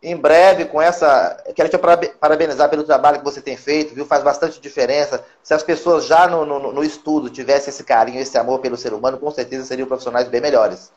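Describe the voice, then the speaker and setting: A Brazilian man speaking as a psychoanalyst guest on a live-stream interview, talking in an animated, coaching way. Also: medium pitch, quick pace, few pauses, highs cut off. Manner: animated, coaching, acts out quotes.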